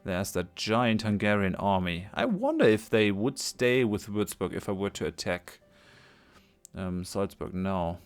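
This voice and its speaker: A man's voice: on the low side, sing-song, unhurried, clean tone, faint music behind. A man commentating a strategy game as he plays, thinking aloud, hesitant, with many fillers and restarts, his voice tiring. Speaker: let's play host. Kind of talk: casual gameplay commentary.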